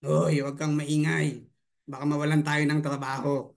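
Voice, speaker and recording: A sly male lion murmurs a conspiratorial warning, put on by a man telling a joke. The voice stays fairly high and close to the teller's own. It is hushed rather than growly. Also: level tone, moderate pace, gravelly.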